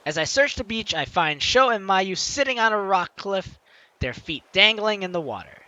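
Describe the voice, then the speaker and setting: A let's-play host with a high, very lively voice reads a game's text aloud, adding bright, forceful, excited remarks that turn playful and teasing as he exclaims to his audience. He keeps a moderate pace, with music underneath and rather dull audio.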